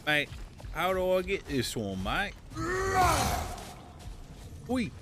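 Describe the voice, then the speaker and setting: A man's voice: a little high, sing-song, takes it slowly, heavy background noise. A man talking casually over a livestream headset mic while playing a game, swearing often and chatting to viewers. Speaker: game streamer. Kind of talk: casual live gameplay commentary.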